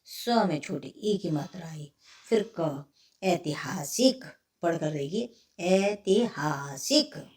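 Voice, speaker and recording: A woman's voice: low-pitched, lively intonation, slow pace, mellow, recorded from a distance. A woman teaching spelling, breaking each word into letters and repeating it. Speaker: Hindi teacher. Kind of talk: slow spelling lesson.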